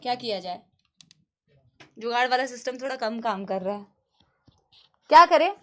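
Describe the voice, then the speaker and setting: Casual online class with a woman teacher. her voice sits high and she keeps up a friendly, chatty patter with her students, calling them in close. she is coming through a laptop mic. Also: expressive, moderate pace, bright, forceful tone, a little hiss or hum. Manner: chatty, addresses students fondly. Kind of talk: live online class talk.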